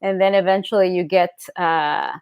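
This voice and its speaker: A woman's voice: lowish voice, steady tone, moderate pace, clear, resonant tone, no echo, dull audio. Hesitant middle-aged woman from El Salvador. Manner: hesitant, many fillers and restarts. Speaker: guest. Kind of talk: casual interview.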